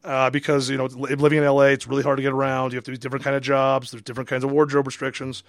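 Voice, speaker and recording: A man's voice: medium pitch, monotone, racing, dry recording, clean studio sound. A man co-hosting a podcast, telling jokey gossip in casual chat. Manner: joking, gossipy storyteller. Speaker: podcast co-host.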